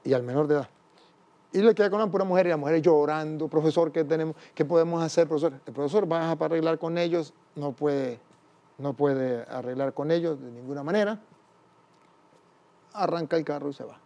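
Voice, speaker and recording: A priest tells his life story in an interview, acting out every voice of the dialogue himself. His voice is fairly high for a man yet dark and mellow in tone. The recording sounds dull and muffled. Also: brisk.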